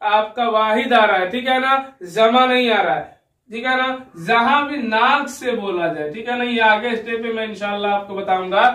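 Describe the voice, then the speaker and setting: A man teaching an Urdu spelling lesson, patient and steady, checking again and again that the learner follows and quizzing them. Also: high voice, normal speed, recorded from a distance. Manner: patient, keeps asking "ठीक है ना" and quizzing the learner. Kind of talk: slow spelling lesson at a whiteboard. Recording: roomy echo, voice a little off-mic.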